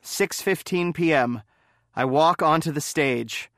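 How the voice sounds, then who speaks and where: A man narrating a first-person story in a plain, simple and clear way. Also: on the high side, slow, fairly bright tone, dry recording, studio quality.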